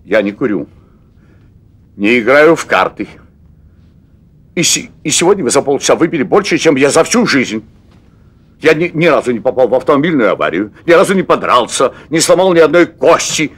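An actor in his fifties confesses at length as an anxious middle-aged restaurant owner craving adventure, hesitating and repeating words, in a televised stage play on a theatre set made up as a hotel room. His mid-range voice is sing-song, fairly bright and husky, at normal speed with frequent pauses, and there's no echo.

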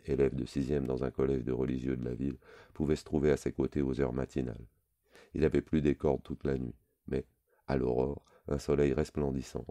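A man reads a novel aloud in a measured, literary way. His voice is extremely low and dark. The sound is close and dry, with no room around it. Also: dry recording. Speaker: audiobook reader. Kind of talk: scripted narration.

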